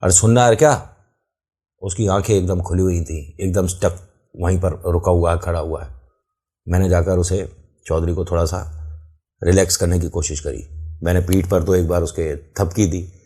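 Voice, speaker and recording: A man's voice: deep voice, level tone, moderate pace, warm tone, slightly rough. A man telling a true-style horror story in casual first person. He talks to the listener directly and explains the scene as he goes.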